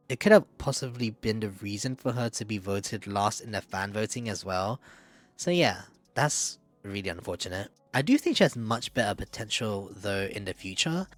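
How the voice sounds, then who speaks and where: A man's voice: fairly low pitch, no room sound. A man giving casual, candid opinion commentary in a chatty way, often hedging with "like" and "I don't know". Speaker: video essayist.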